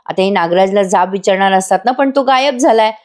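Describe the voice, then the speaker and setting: A woman's voice: medium pitch, a little fast, a little mellow. A woman narrating a voice-over recap of a TV serial episode, chatting directly to her viewers. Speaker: TV serial reviewer.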